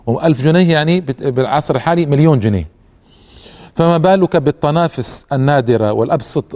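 A man's voice: fairly high pitch, mellow. A man presenting a history lecture in formal Standard Arabic, in a didactic manner that speaks straight to the listener. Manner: didactic, addresses listeners with rhetorical questions and asides. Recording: long hall-like reverb.

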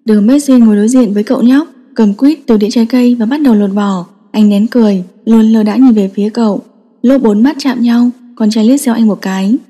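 A woman reading a story aloud as narrator, in steady scripted audiobook narration. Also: fairly high pitch, a little fast. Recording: long reverb.

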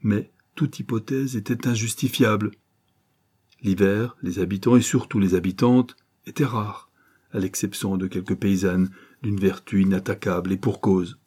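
A man reading a nineteenth-century novel aloud in measured, literary scripted narration. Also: fairly low pitch, darkish tone, slightly rough. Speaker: audiobook narrator.

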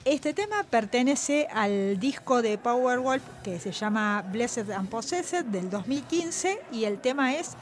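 An Argentine woman co-hosting a radio show, telling a concert story in an animated, chatty way full of quick restarts. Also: a little high, faint music behind. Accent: Argentine Spanish. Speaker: radio co-host and concert reporter. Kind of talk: casual radio chat.

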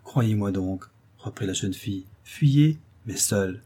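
A proud, dutiful young noblewoman from a storybook, her lines delivered earnestly and declaimed, as a male reader gives her voice. The tone stays low, dark and husky. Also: expressive, measured pace. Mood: pleading.

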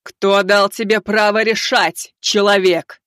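A man voicing a towering, cold female divine judge who speaks in slow, measured, commanding pronouncements. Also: sits high, no room sound, clean studio sound, voice pushed up. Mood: stern.

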